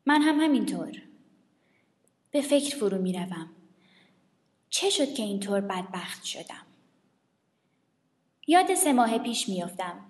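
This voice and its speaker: A woman reading a children's story aloud in an expressive way, changing her voice for each character. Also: mid-range voice, long pauses. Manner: lively, shifts her voice for the characters. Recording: reverberant roomy recording with faint music.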